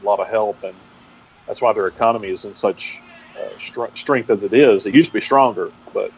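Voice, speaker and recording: Heard through faintly noisy, dull, band-limited audio, a middle-aged pastor and seminary instructor from Texas reflects in an interview, stumbling over false starts while he gropes for the right words. He has a Texan accent, a fairly low pitch, and noticeable vocal fry.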